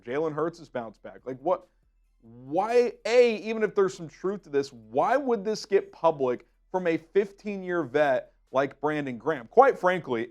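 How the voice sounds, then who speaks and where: A man hosting a sports show, giving opinionated commentary in an emphatic, exasperated way. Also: on the high side.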